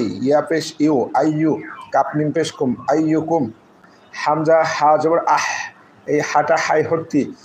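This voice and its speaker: A man teaching Quran recitation, spelling the Arabic syllable by syllable in a slow, drawn-out way and reciting short verse phrases. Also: a little high, darkish tone, a little hiss or hum, low-quality recording. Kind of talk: spelling out and reciting Arabic letter by letter in a live class.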